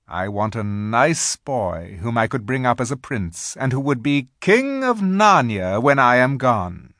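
A reader voicing an imperious, scheming witch queen from a children's storybook, sweet-talking in grand, drawn-out phrases. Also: mid-range voice, very animated, fairly bright tone, no echo, clean studio sound. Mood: sweetly coaxing.

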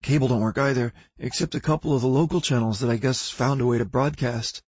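A man's voice: mid-range voice, a little fast, darkish tone, husky, no room sound, pitched above the performer's own voice, close to an everyday voice. A man voicing a nervous teenage male hotel clerk who speaks hesitantly and apologetically. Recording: dull lo-fi recording.

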